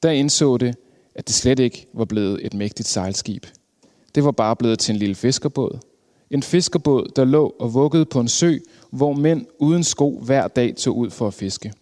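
Man narrating a storybook in a hall. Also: medium pitch. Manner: expressive, slowing for drama. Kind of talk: storybook reading. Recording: long hall reverb.

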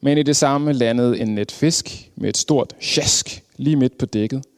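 Guy reading a storybook, expressive, slows down for drama, long hall echo. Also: mid-range voice, clear, resonant tone. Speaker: narrator.

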